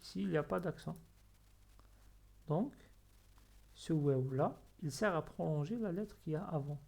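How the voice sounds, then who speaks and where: A teacher giving a recorded reading lesson, pronouncing each word slowly and clearly twice, then explaining patiently and quietly, with small self-corrections. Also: mid-range voice.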